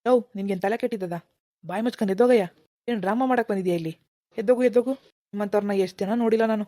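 Cartoon: woman doing a gruff sneering shopkeeper, rapid, dry, dark. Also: medium pitch, no room sound, lightly acted. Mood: scornful. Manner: gruff, dismissive, shooing people away. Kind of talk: animated cartoon dialogue.

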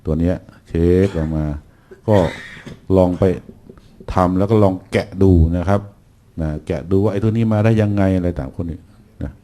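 A middle-aged man giving an engineering seminar lecture, relaxed and full of fillers, with dry jokes for the class. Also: low voice, moderate pace.

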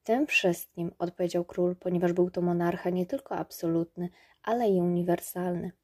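A woman narrating a storybook aloud in a calm, measured way. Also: fairly low pitch. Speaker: reader. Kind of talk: audiobook narration.

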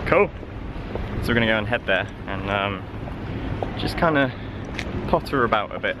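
A young man talks to a camera held at arm's length, upbeat and playful in a casual vlog. His voice sits a little low. Loud street and traffic noise runs behind him. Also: animated, moderate pace. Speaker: travel vlogger. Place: outdoors on city streets and in shops. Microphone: handheld camera at arm's length.

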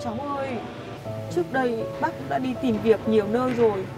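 A woman's voice: fairly high pitch, fast talker, natural voice. A woman playing a poor elderly lottery ticket seller who pleads and weeps. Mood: humble. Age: older. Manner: pleading, sobbing and wailing. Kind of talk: web drama acting. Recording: loud background music.

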